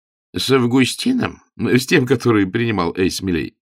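A man's voice: on the low side, moderate pace, no echo, clean studio sound, voice pushed up, lightly acted. A man reading an audiobook voices a genial, meandering elderly storyteller in a pub. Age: older. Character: old male pub storyteller, genial, self-satisfied. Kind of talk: audiobook character voice.

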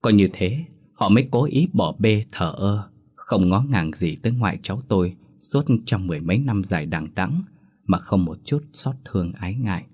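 A man's voice: deep voice, animated, normal speed, darkish tone, slightly rough. A man narrating a first-person story in a bitter, scornful tone.

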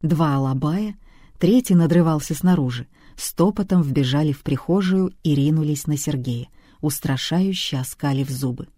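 A narrator reading a detective audiobook with expressive, even delivery on a close mic. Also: mid-range voice, normal speed, no echo.

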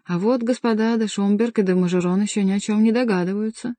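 A woman's voice: mid-range voice, fairly even intonation, fast talker, mellow, no echo, lightly acted. A woman reading the part of a sarcastic, scolding male court jester in an audiobook. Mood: mocking. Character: mocking sharp-tongued male court jester.

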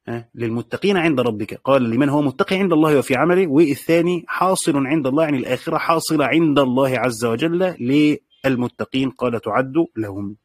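A man with an Egyptian accent teaching a classical text, repeating key phrases, reading quotations slowly and checking with the class through short questions. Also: fairly high pitch, no echo, clean studio sound. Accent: Egyptian Arabic. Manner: reads quoted passages slowly.

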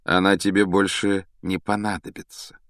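A sinister teenage wizard , voiced by a man, talks slowly and smoothly with cold mockery. His voice sits fairly low, and the sound is dry and close. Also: little pitch movement, fairly bright tone, dry recording. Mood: coldly mocking. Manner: smooth, coolly mocking, unhurried. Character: sinister teenage boy wizard, calm and cruel.

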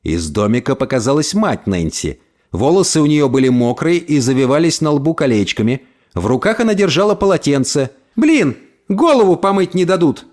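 Expressive male audiobook reader. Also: medium pitch, brisk. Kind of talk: first-person audiobook narration.

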